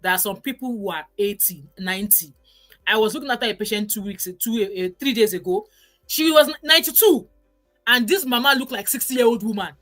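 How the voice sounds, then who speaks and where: A woman's voice: a little high, brisk, fairly bright tone, soft background music. A Nigerian woman in her forties hosting a casual live stream, reading viewer comments in an emphatic, chatty way and dropping in pidgin words. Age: 40s.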